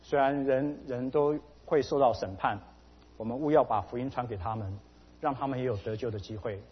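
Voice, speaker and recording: A man preaching a sermon in a measured way, pausing often with fillers, recorded dull with a long hall reverb. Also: mid-range voice, slightly rough. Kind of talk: sermon with anecdote.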